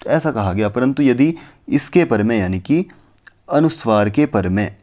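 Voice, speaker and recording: A man teaching a lesson, explaining points step by step and asking himself questions before answering. He recites verses slowly and carefully. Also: medium pitch, animated, darkish tone. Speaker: Sanskrit teacher. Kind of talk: explanatory lecture on phonetics.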